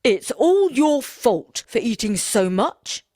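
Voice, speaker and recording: A woman's voice: fairly high pitch, very animated, slow pace, a little mellow, no room sound, studio quality, voice pushed up, heavily acted. Woman playing a sly woodcutter. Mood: worried. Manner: sly, wheedling. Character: crafty, nervous male woodcutter. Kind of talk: storybook reading.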